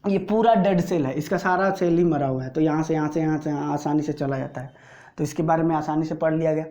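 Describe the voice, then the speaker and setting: A male teacher with an Indian accent, giving a slow board lesson to school students and checking often that they follow. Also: a little high, steady tone, mellow. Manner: explains slowly, drawing as he speaks, keeps checking understanding.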